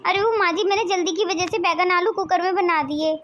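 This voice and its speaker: Very high, meek young bahu, always apologizing, cartoon. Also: female voice, a little fast, a bit bright, highs cut off. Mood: apologetic. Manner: apologetic, pleading. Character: meek dutiful young elder daughter-in-law.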